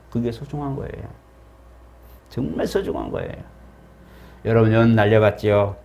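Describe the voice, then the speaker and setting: Man preaching a dramatic church sermon. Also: medium pitch. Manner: preaching with dramatic acted quotes and sudden loud cries. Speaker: pastor.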